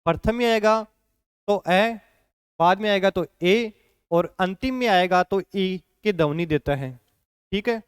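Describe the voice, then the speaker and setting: Guy teaching shorthand, slow and patient, fairly high smooth voice, keeps asking "ok?". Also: no room sound, clean studio sound. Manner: patient, repeats points with frequent "ठीक है" check-ins. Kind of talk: classroom lesson explanation.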